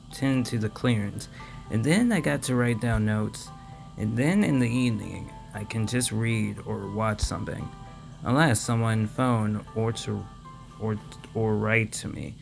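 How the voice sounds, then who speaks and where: A man reading a visual novel aloud with casual commentary, halting and stumbling over words. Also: mid-range voice, creaky. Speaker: let's play host reading a visual novel.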